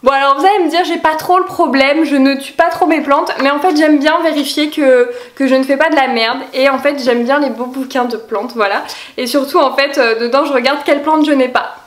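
Chatty high-voiced woman vlogger, echoey room. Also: fairly even intonation, brisk. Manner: chatty, many fillers, laughs easily. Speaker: lifestyle vlogger. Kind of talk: casual monthly favorites chat. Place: home room with plants.

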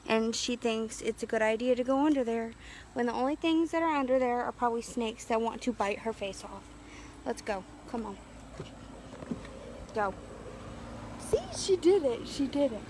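A woman's voice: high-pitched, a little hiss or hum. An American woman vlogging casually at home with a handheld phone, talking about her dog and scolding it now and then. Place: inside a house. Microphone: handheld phone camera.

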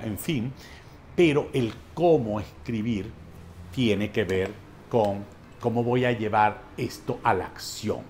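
Slow, measured male drama teacher. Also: on the low side, darkish tone, a little hiss or hum. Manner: measured, explanatory, stresses new points with rising emphasis. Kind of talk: master class lecture.

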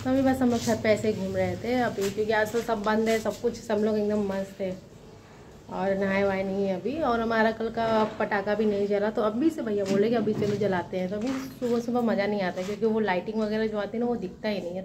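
A woman's voice: mid-range voice, steady tone, brisk, background noise. A young woman filming a casual family vlog at home, chatting and teasing her brother, sometimes outdoors on the rooftop. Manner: chatty, teasing, calls out often. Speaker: vlogger.

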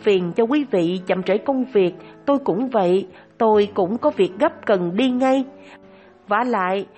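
A woman voicing a greedy, scheming male swordsman who turns killer, speaking in a storybook tale with feigned grief and smooth persuasion. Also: mid-range voice, measured pace, mellow, faint music behind, natural voice. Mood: persuasive.

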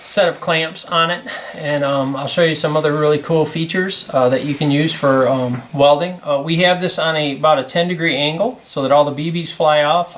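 A man giving a casual hands-on demonstration at a workshop bench, explaining how a fixture works in a relaxed, plain-spoken way with plenty of fillers. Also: a little high, slight background noise. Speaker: product demonstrator. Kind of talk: casual hands-on product demo.

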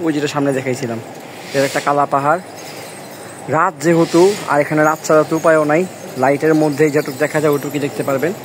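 Young guy on a phone cam walking a cattle barn at night, excited and chatty, bit of faint background noise. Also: on the high side, fast. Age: young adult. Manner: excited, chatty, gushing over the animals. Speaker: vlogger touring a cattle farm. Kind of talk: casual walking tour narration. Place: large covered cattle shed at night. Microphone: handheld phone camera.

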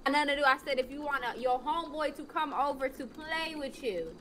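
Nagging, sweary game role-play mom female performer, sharp and quick, repetitive scolding. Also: high-pitched, slight background noise. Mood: bossy. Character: nagging, foul-mouthed mother scolding her teenage son.

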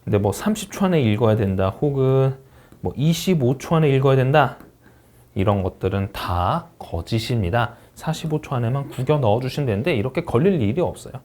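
A man's voice: mid-range voice, animated, a little fast, a little mellow. A middle-aged man teaching an online speaking-test prep lesson, explaining scoring rules emphatically and reading English words aloud for students to repeat. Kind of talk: online exam-prep lecture.

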